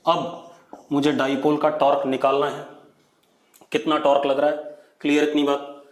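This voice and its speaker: A man's voice: on the high side, completely flat delivery, moderate pace, echoey room. A man teaching a physics class online, asking students questions and repeating key words as he writes. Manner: mixes Hindi with English dictation.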